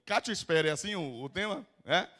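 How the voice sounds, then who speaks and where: A man's voice: on the high side, expressive, normal speed, sharp tone. A Brazilian man with a Bahian accent, a psychoanalyst giving a live lecture in a council chamber, playfully teasing the audience and calling up volunteers. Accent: Bahian Brazilian Portuguese.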